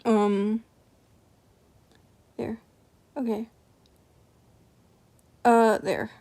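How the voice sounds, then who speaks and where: A woman's voice: fairly high pitch, flat delivery, very slow, mellow. A young woman streaming live, chatting casually, nervous and apologetic, rambling with lots of fillers.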